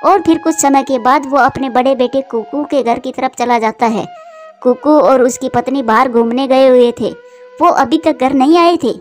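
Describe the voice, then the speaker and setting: Over soft background music, a woman storyteller with a high voice reads a scripted children's cartoon tale at a moderate pace.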